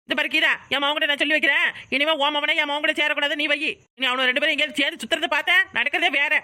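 A woman with a Kanyakumari Tamil accent voicing a loud, hot-tempered village mother in a cartoon, scolding and shouting. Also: high-pitched, steady tone, very fast, no echo, clean studio sound. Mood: quarreling. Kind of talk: cartoon voice acting.

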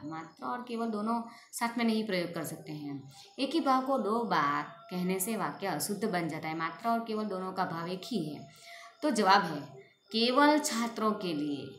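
A woman's voice: fairly low pitch, fairly bright tone. Woman teacher in an echoey room. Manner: explains slowly and repeats examples, often asks "right?". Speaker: school Hindi teacher. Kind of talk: recorded class lesson. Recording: echoey room with faint ambient noise.

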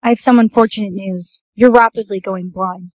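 A woman's voice: medium pitch, steady tone, moderate pace, a little mellow, no room sound. A young woman acting many roles in comedy skits, teasing and blunt. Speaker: skit co-actor.

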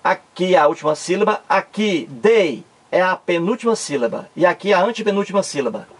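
A brisk man with a high, breathy-edged voice and lively intonation teaches a grammar lesson, repeating himself emphatically. He's a teacher from Ceará in northeastern Brazil, speaking with a Cearense Brazilian Portuguese accent.

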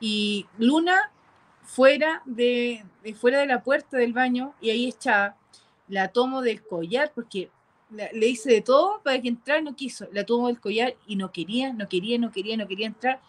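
A woman telling a frightening personal experience, halting and repeating herself with nervous laughs. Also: a little high. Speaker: caller telling a paranormal experience. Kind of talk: emotional first-person storytelling.

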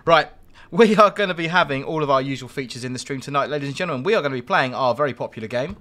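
A man's voice: mid-range voice, lively intonation, racing, fairly bright tone. A man hosting a live-streamed game session, chatting to viewers in a jokey, rambling way. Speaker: live-stream host and train driver. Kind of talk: live-streamed gameplay commentary.

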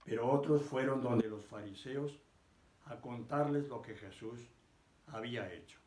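Slow older man reading scripture. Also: medium pitch, darkish tone, reverberant, slight background noise. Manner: slow, measured reading with emphatic rises. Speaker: scripture reader. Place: living room, seated on a sofa.

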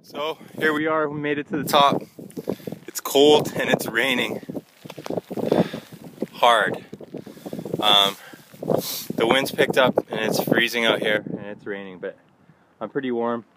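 Speaking at a measured pace and pausing often, a young male hiking vlogger with a medium-pitched voice narrates casually outdoors. He holds his phone at arm's length on a wet, windy mountain trail, and heavy wind and rain noise fill the recording.

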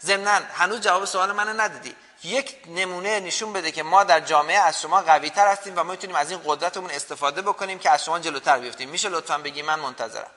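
A man's voice: fairly high pitch, hardly any pauses, sharp tone, in a large hall. A man hosting a call-in show, arguing and lecturing his caller in a heated debate. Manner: argumentative, lecturing.

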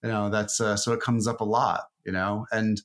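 A man's voice: lowish voice, level tone, normal speed, fairly bright tone. A man talking loosely in a podcast interview, full of fillers and restarts. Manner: rambling, many fillers and restarts. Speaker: marketing guest. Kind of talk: casual interview talk.

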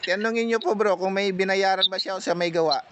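A man's voice: sits high, steady tone, a little fast, pushed and bright, a little hiss or hum. A man leading a healing prayer as a faith healer, chanting incantations and giving firm commands to a helper. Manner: directs a helper remotely.

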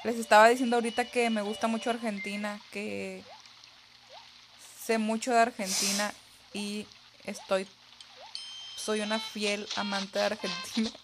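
A young woman, chatting excitedly while playing a game on a live stream. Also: mid-range voice, music in the background. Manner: chatty, excitable, quick laughs. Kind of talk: casual live-stream chat.

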